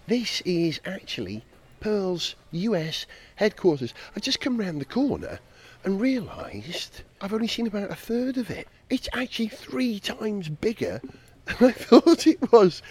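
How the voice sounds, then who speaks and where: Chatty lively man hosting a podcast. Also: on the high side. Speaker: podcast host. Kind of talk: casual on-location chat. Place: large drum warehouse.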